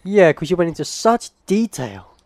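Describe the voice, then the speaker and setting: A man's voice: sits high, sing-song, normal speed, a little mellow, no echo. A man teasing his friends in casual podcast banter. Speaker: podcast member.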